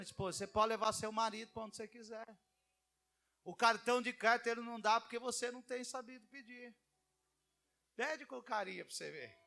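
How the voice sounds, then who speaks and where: High bright-voiced pastor preaching. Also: male voice, gravelly. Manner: animated preaching, acting out quoted voices. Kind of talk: sermon.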